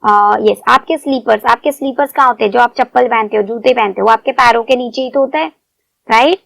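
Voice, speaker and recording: A woman's voice: a little high, fairly quick, vocal fry, a bit bright, dry recording. A woman teaching young children, coaxing answers with questions. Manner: coaxing, asks the class questions.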